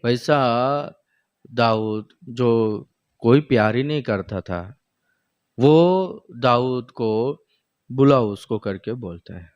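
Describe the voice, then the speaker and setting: A man's voice: animated, very slow, darkish tone, clear, resonant tone, highs cut off. A male pastor from India preaching a sermon, retelling stories with quoted dialogue and breaking into exclamations of praise. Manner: preaching with sudden rises in pitch and frequent praise exclamations.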